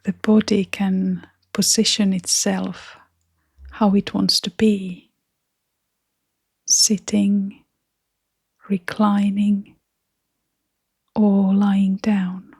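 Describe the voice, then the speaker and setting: With flat, mid-range delivery, a woman talks listeners through a guided meditation in a soft, breathy voice that turns whispery and creaky. Each short phrase is followed by a long, unhurried pause, recorded with studio quality and no echo.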